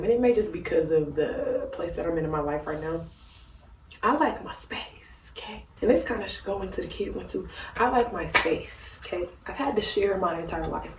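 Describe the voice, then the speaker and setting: A woman's voice: on the low side, darkish tone. Tipsy, goofy woman chatting in an echoey room. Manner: tipsy, goofy, rambling, with giggles. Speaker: YouTuber answering viewer questions. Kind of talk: casual chatty Q&A. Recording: roomy echo, distant mic, faint noise.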